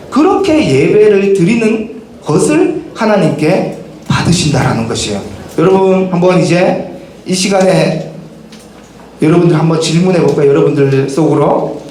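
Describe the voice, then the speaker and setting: Animated male pastor in an echoey hall. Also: sits high. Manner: lively, asks the youth many direct questions and acts out quotes. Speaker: pastor preaching to a middle school summer Bible school. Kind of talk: sermon to teenagers. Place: church worship hall. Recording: very echoey hall, faint noise.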